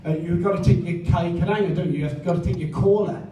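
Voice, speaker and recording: High-voiced Welsh Valleys man, roomy live stand-up. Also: steady tone, fast, mellow. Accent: South Wales Valleys. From Pontypridd, South Wales. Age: 30s. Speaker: stand-up comedian. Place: indoor live gig venue. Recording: roomy, distant mic, faint noise.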